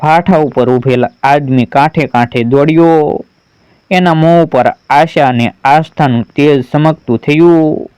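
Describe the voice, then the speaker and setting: A man narrating a folk story in a slow, deliberate, dramatic manner. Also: on the high side, darkish tone, clear, resonant tone, no echo, rough recording.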